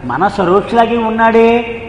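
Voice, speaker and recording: A man's voice: high voice, unhurried, highs cut off, slight background noise, voice pushed up. A man recounting a grieving old school friend. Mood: pitying. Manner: lamenting, pitying. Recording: echoey hall with long reverb, faint ambience.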